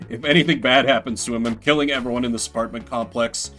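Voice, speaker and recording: Here the streamer's mid-range voice is fairly bright and fast, with fairly even intonation. He narrates his gameplay live in a joking, foul-mouthed way, reading lines of text and bantering with viewers against video game music.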